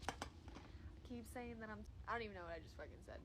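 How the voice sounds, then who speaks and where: Heavy background noise fills this phone livestream by a woman in her twenties, a social media creator and DJ chatting casually to viewers from her room at home. She speaks fast in a mid-range voice, rambling and swearing freely.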